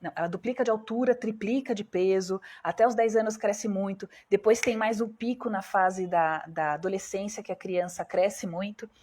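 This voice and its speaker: A woman's voice: mid-range voice, fairly even intonation, normal speed, hardly any pauses, a little mellow, breathy edge. Brazilian woman explaining on a live stream. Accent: Brazilian Portuguese. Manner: explanatory, asks viewers questions and answers them herself. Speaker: skin doctor hosting a live stream.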